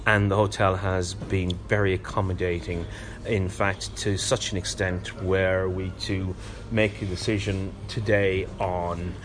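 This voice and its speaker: Speaking low and unhurried with flat delivery, an Irish man trades jokey, wry banter as a podcast guest for a gaming event in a casual chat. He's recorded in a hotel breakfast area, where the room ambience is clearly noisy.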